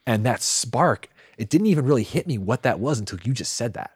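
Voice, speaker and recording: A man's voice: medium pitch, expressive, a little fast, darkish tone, breathy edge, no room sound, clean studio sound. A man chatting casually and enthusiastically in a laid-back bro manner, peppering his talk with dude, man and like.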